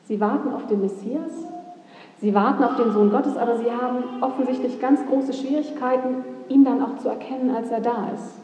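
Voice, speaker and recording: A woman's voice: a little high, steady tone, moderate pace, warm tone, a little hiss or hum. A woman pastor giving a sermon, reflective and thinking aloud with questions. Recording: long hall reverb, echoey church.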